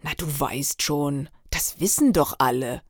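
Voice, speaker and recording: A woman's voice: sits low, measured pace, breathy edge, no room sound, studio quality. A woman voicing a snide, gossiping thirteen-year-old girl in an audiobook reading, with a mocking, sly manner.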